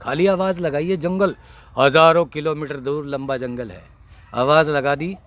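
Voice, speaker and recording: A man preaching a sermon, repeating rhetorical questions and hitting key words with sharp emphasis. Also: on the high side, fairly even intonation, normal speed, dry recording.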